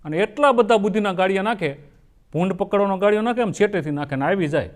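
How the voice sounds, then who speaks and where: A man's voice: sits high, fast talker. A man telling folksy comic stories on stage and acting out his characters' lines. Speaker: folk comedian. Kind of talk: stage comedy storytelling.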